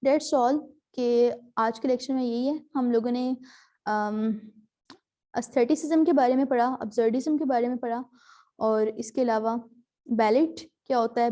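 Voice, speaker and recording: A warm, fairly high female voice with fairly even intonation moves at a normal speed as she teaches an online class by video call. Her step-by-step explanation is patient, sprinkled with English terms and frequent fillers.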